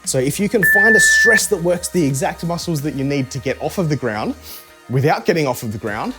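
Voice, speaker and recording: A man's voice: fairly high pitch, lively intonation, brisk. A man coaching a live workout in a casual, conversational way, cueing exercise moves step by step. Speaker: fitness coach. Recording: music behind the voice. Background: music.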